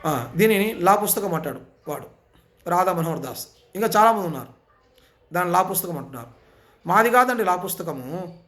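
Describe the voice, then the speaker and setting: A man's voice: sits high, animated, fairly quick, pauses often, a bit bright. A man preaching a sermon with insistent, repetitive rhetorical questions. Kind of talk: impassioned sermon.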